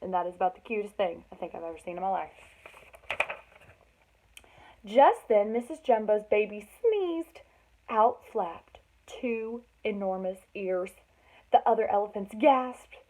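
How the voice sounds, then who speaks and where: A woman with a medium-pitched, mellow voice reads a children's story at normal speed, animated and dramatically emphatic for young listeners, with chatty asides. The sound is thin and band-limited, like a phone.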